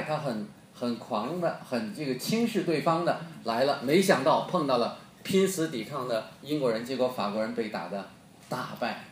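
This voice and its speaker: A man's voice: mid-range voice, echoey room, slight background noise. A man with a Beijing accent preaching, telling a history story with jokes and questions to the audience. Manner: joking, quizzes the audience. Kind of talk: storytelling sermon.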